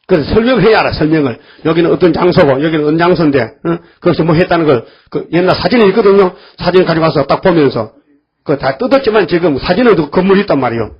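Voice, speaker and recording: A man's voice: a little high, lively intonation, quick pace, slightly rough. An older man preaching a folksy sermon, scolding his congregation and acting out voices of biblical figures. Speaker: pastor. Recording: dull lo-fi church recording.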